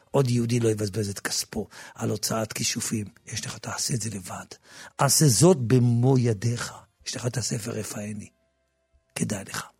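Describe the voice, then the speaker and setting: A man giving an impassioned religious talk in a studio, often repeating and restarting words, swinging from a low murmur to loud, emphatic preaching. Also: slightly rough, dry recording. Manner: frequent repetitions and restarts. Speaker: religious teacher.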